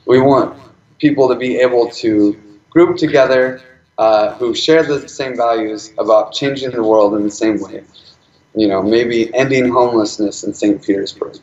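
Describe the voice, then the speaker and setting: Man talking fast in an echoey room. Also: medium pitch, darkish tone. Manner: fast, with many fillers and restarts. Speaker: speaker presenting his nonprofit project. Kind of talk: live presentation talk. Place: event hall. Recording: echoey room, slightly dull sound.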